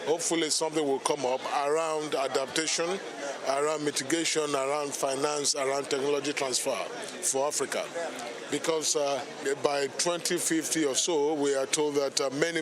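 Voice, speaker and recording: A man's voice: a little high, steady tone, moderate pace. A man from Ethiopia who works for an international agency, speaking steadily and hopefully. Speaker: United Nations staff. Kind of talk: street interview answer. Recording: outdoor crowd noise.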